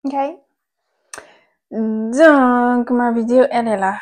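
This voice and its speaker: A young woman vlogging casually into a handheld mic at home, chatty and quick to laugh, trailing off and restarting her thoughts. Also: fairly high pitch, steady tone. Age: young adult. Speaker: content creator. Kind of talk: casual vlog chat. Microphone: handheld microphone.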